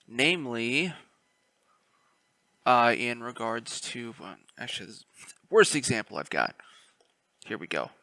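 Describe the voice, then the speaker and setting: A man's voice: medium pitch, bright, forceful tone, no echo. A man casually narrating a miniature painting tutorial, rambling a little with fillers and restarts. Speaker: miniature painting hobbyist host.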